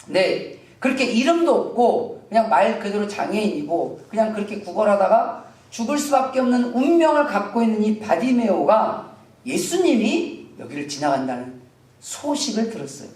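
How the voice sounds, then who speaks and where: Animated male pastor in a roomy church. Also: sits high, normal speed. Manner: animated, acts out shouted quotes from the story; conversational, jokes with the congregation. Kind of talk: Sunday sermon. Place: church sanctuary. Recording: roomy hall, voice from a distant mic.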